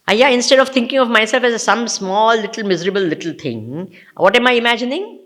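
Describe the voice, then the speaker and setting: Woman spiritual teacher, fairly high voice, expressive and exclamatory, moves between English and Hindi. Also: quick pace. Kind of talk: spiritual discourse to an audience.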